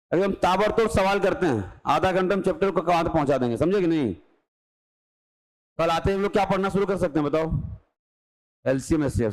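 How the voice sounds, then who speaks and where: Poor audio captures a male math teacher whose voice is a little high and darkish. Briskly and coaxingly, he runs an exam-prep lecture, frequently acting out what students might ask before answering.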